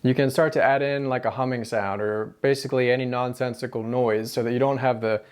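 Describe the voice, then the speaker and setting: A man's voice: mid-range voice, steady tone, a little fast, darkish tone, smooth. A man with an American accent explains pronunciation in a casual tutorial style, demonstrating tapped and rolled R sounds with repeated example syllables and words. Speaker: language teacher.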